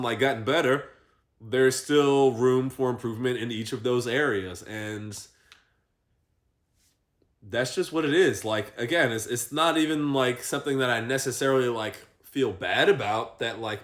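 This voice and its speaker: A man speaks in a reflective vlog monologue, thinking out loud. His voice sits in an ordinary middle register. He circles his points with frequent fillers and loose restarts. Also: medium pitch. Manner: thinking aloud, many fillers, unhurried. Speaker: vlogger.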